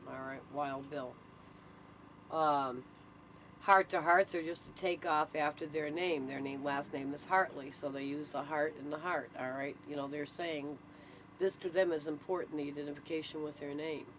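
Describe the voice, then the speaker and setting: A woman with a low-pitched, slightly bright voice tells stories casually at normal speed, her tone steady and matter-of-fact as she checks that the listener is following. She's a local storyteller being interviewed. The amateur recording is noisy, with vehicle sounds around her.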